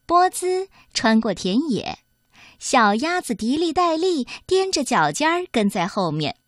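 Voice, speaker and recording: A woman reading a children's picture book aloud, in an expressive, sing-song storytelling voice. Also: high voice, measured pace, dry recording, studio quality.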